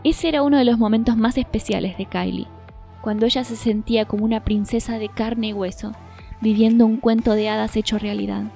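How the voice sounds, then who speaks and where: A woman narrating a children's story in a gentle, measured way. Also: on the high side, steady tone, gravelly, soft background music.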